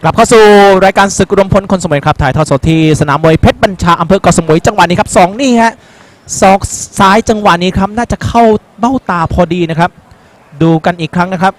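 A man's voice: high voice, fast talker. A man commentating live on a Muay Thai broadcast, exclaiming often as he narrates each blow. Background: music.

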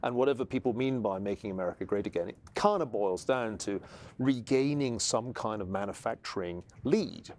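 A man's voice: fairly low pitch, a little fast, a little mellow. A man from Scotland in a studio interview, musing aloud with restarts, on a lapel mic. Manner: thoughtful, searching, with many restarts. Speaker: historian guest. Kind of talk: conversational interview. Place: studio set with armchairs.

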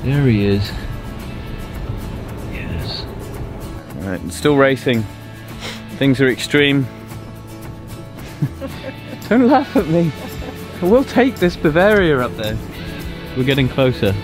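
A man's voice: mid-range voice, wildly swooping pitch, slow, pauses often, over music. A young man talking casually on a sailboat, joking and playfully competitive as he narrates a race. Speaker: sailing vlogger. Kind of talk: casual vlog commentary while sailing. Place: on a sailboat outdoors.

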